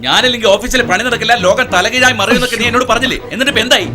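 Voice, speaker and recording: A man's voice: very high voice, very fast, music in the background. An arrogant, scornful police commissioner father. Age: middle-aged. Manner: harsh, taunting, contemptuous. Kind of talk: dubbed film acting.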